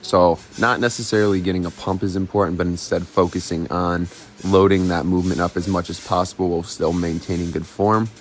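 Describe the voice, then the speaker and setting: A man's voice: low voice, little pitch movement, brisk. A young man, a fitness vlogger, giving casual commentary on a workout.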